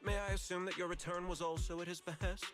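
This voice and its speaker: A man's voice: high-pitched, level tone, quick pace, lightly acted. A man voicing a smug, suave corporate executive villain in a video game, formal and polished with veiled threats. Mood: formal, smooth. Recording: loud music behind the voice.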